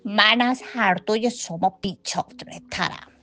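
A woman voicing a sleepy, listless little cricket who talks slowly. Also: mid-range voice, pushed and bright, soft background music. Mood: weary.

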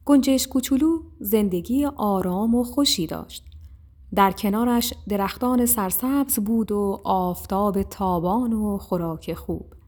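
A woman reads a children's story aloud in a calm, steady voice. Her pitch sits in the middle, and she keeps an even, gentle pace.

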